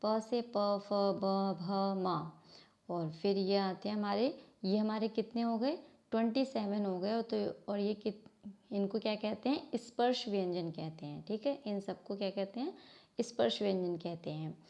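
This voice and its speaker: A woman's voice: mid-range voice, creaky, darkish tone, muffled recording. A woman teacher giving a grammar lesson from a textbook, asking her class questions and answering them herself, sounding out letters one by one. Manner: slow, spelled-out reading of letters.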